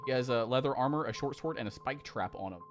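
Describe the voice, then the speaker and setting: A man's voice: medium pitch, quick pace, faint music behind. A man playing in a tabletop game, talking casually and hesitantly, often repeating words. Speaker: player.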